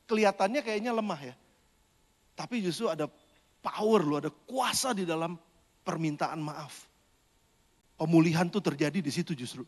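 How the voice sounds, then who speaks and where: A male pastor, preaching a lively, conversational sermon and sharing a personal testimony with the congregation. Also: on the high side, moderate pace, long pauses. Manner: animated, conversational, addresses congregation as "saudara". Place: church sanctuary. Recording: long church reverb.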